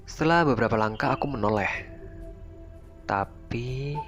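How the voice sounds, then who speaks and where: A man narrating a first-person horror story in a relaxed, conversational way. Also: medium pitch, moderate pace, dull audio. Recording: faint music underneath. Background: faint background music.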